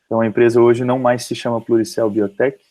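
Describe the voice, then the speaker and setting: A man with a Brazilian accent, a company head answering in an online interview, calm and matter-of-fact. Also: medium pitch, fast talker, poor audio. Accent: Brazilian Portuguese. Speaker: company CEO guest. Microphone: video call.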